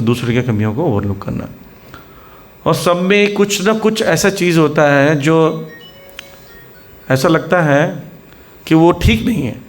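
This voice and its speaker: An Indian man giving a Hindi sermon at a temple preaching centre, mixing in English words and acting out scolding examples. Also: fairly high pitch.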